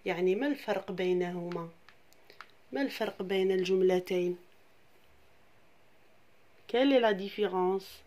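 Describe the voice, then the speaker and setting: A primary school French teacher gives young children a grammar lesson, repeating key terms and explaining them again in Arabic. Her medium-pitched voice is warm in tone, and she speaks fast but pauses often.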